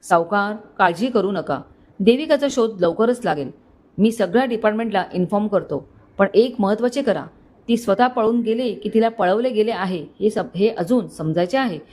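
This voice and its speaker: A woman's voice: medium pitch, expressive, moderate pace, darkish tone, close to an everyday voice. A woman voicing a commanding police commissioner. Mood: firm. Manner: firm, commanding. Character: middle-aged male police commissioner, authoritative.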